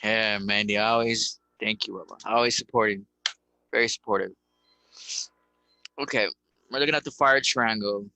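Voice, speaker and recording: A man's voice: fairly low pitch, steady tone, moderate pace, gravelly, pauses often, pushed and bright, dry recording, soft background music, low-quality recording. A man giving a casual livestream lecture on spirituality, talking in an emphatic, preachy way, repeating rhetorical questions and swearing casually.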